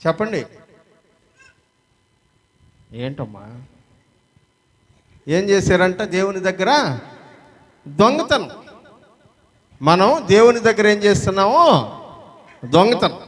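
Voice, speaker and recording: Pastor guy preaching, really high voice, long echo off the church hall, keeps asking the crowd stuff. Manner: asks the congregation questions and urges loud replies; slows down to stress key words. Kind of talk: sermon.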